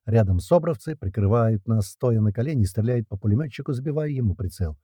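A man's voice: medium pitch, lively intonation, brisk, dark tone, breathy edge, no room sound, studio quality. A man reading a first-person action audiobook aloud, with tense narration and the dialogue read in. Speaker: audiobook reader.

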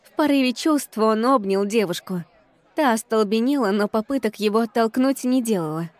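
A woman's voice: a little high, lively intonation, normal speed, no echo. A woman reading a first-person audiobook with an ironic, exasperated tone. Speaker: audiobook reader.

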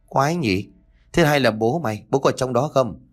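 A man voicing a worried middle-aged mother in an audio story, calling out and anxious, a bit higher than his own voice. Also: lively intonation, moderate pace, soft background music, natural voice. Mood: calling, puzzled.

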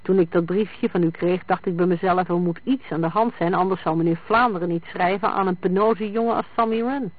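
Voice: mid-range voice, brisk, hardly any pauses, lightly acted. A reader voicing a nervous, evasive young petty crook who keeps protesting his innocence. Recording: dry, tinny lo-fi sound.

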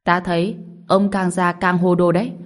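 A woman's voice: lowish voice, flat delivery, moderate pace, natural voice. A woman voicing a cocky young male swordsman who taunts his enemy. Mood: taunting. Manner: taunting, mocking.

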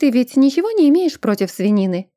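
Woman playing an icy angry housekeeper lady, clipped and menacing, warm tone. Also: sits high, very animated, brisk, no room sound, clean studio sound, pitched above the performer's own voice. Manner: curt and coldly menacing.

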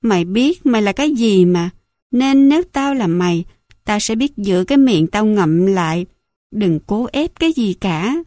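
A woman's voice: mid-range voice, expressive, normal speed, dark tone, no room sound, clean studio sound, close to an everyday voice. A woman voicing a cruel, scornful middle-aged mother who smokes and mocks her son. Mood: sneering. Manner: sneering, mocking, contemptuous.

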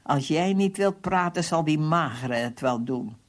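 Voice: medium pitch, expressive, unhurried, close to an everyday voice. A reader voicing a brutal male police captain who interrogates and threatens his prisoners. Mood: threatening. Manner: threatening, shouting.

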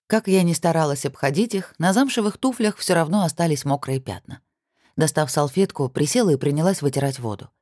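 An audiobook reader giving steady, even first-person novel narration. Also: mid-range voice, dry recording, clean studio sound.

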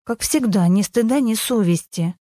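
Sarcastic dismissive young mother, read by a woman, unhurried, mellow, dry. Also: medium pitch, no room sound, natural voice.

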